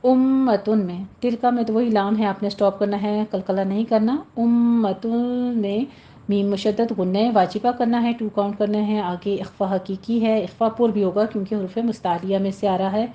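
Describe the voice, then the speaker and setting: A woman teaching a tajweed lesson, slowly reciting verses and then explaining the pronunciation rules in a plain instructive voice. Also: medium pitch, steady tone, dark tone, highs cut off. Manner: slow, deliberate, drawn-out recitation between plain instructions.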